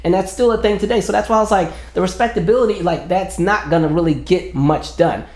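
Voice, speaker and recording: A man's voice: high-pitched, fast, a little mellow, reverberant. A man giving an earnest opinion monologue as a commentary vlogger, building his argument point by point and sometimes acting out quoted voices.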